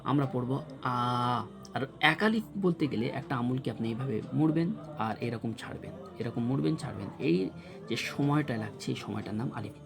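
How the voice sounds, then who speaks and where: A man teaching Quran reading, drilling Arabic letters slowly with many repetitions. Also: mid-range voice, creaky. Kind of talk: slow recitation lesson.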